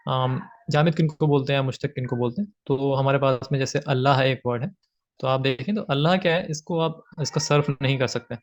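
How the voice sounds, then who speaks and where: A man's voice: medium pitch, a little fast. A man teaching grammar from slides, patiently repeating his points with frequent fillers. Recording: slightly dull lo-fi audio.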